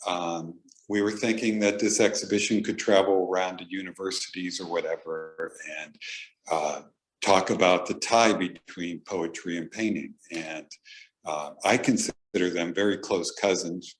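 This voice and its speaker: A man, the exhibiting artist, speaking casually and hesitantly with many pauses at a gallery event. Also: deep voice, poor audio. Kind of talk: casual spoken remarks.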